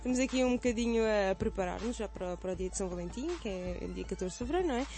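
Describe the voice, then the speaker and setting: A woman with a European Portuguese accent, a guest on a radio show, presenting a magazine issue with animated intonation and sudden upward leaps in pitch. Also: rapid-fire.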